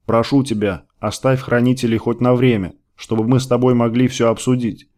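A man reading a gentle, pleading woman. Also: mid-range voice, level tone, brisk, natural voice.

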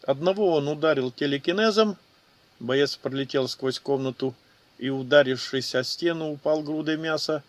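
A man reading fantasy fiction aloud as an audiobook narrator in a steady, even manner. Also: fairly high pitch, normal speed.

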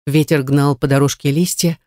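A woman's voice: low-pitched, fairly even intonation, normal speed, warm tone, no echo, studio quality. A woman narrating a first-person audiobook in an emotional, intense way.

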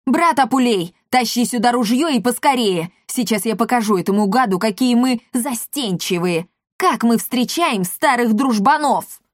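A woman's voice: on the high side, expressive, moderate pace, no room sound, close to an everyday voice. A hot-headed male cat pilot barks threats in a raised, strained voice, as a woman reader puts him on. The sound is close and dry. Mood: furious. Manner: shouting, threatening.

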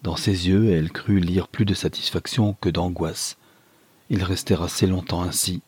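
A man reads a classic novel aloud at a measured, steady pace. His voice is deep and somewhat husky. The recording is close and dry. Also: dry recording. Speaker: audiobook reader. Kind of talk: scripted narration of a novel.

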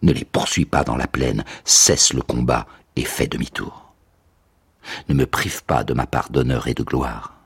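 A man's voice: rumbling low, steady tone, a little slow, breathy edge, exaggerated voice. A man voicing a proud, wrathful male hero who gives stern commands, in a radio drama.

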